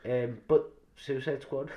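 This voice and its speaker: A man's voice: mid-range voice, fairly even intonation, slow pace, a crowd in the background. A man hosting a podcast, chatting casually about films with matey, sweary banter. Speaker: podcast host.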